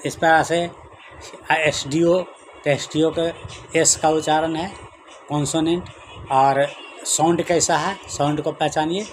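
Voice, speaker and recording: Slow-paced man teaching English grammar. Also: a little high, flat delivery, a little hiss or hum, low-quality recording. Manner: slow, repetitive explaining with drawn-out examples. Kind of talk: Hindi-language grammar lesson.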